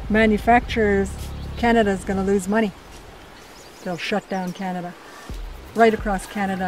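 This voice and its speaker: A woman's voice: mid-range voice, a little mellow, poor audio. A woman interviewee speaking with urgency, exhorting listeners and repeating her key points. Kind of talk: impassioned interview answer.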